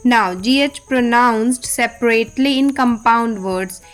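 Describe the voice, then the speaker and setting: Slow, deliberate Indian woman teacher. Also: on the high side. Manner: slow, deliberate spelling-out of words. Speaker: English teacher. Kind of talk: Hindi-English language lesson.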